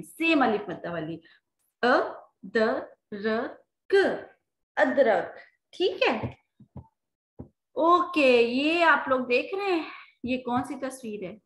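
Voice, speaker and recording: A woman with a Pakistani Urdu accent teaching children the alphabet, drawing out words slowly and asking them questions. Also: on the high side, a bit bright, reverberant, poor audio. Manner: slow, drawn-out sounding of words; asks rhetorical questions to children.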